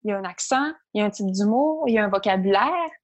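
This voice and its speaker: In an interview conversation, a guest entrepreneur from Quebec talks fast at a medium pitch, her Québécois French accent evident. Lively and animated, she narrates her journey and regularly dramatizes her inner monologue.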